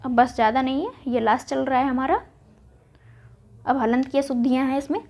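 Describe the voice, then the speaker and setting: High-voiced woman teaching spelling. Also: fairly even intonation, a little fast, darkish tone. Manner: recites word pairs, asks and answers herself. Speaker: Hindi exam-prep teacher. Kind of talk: online lesson, spelling drill. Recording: dull lo-fi audio.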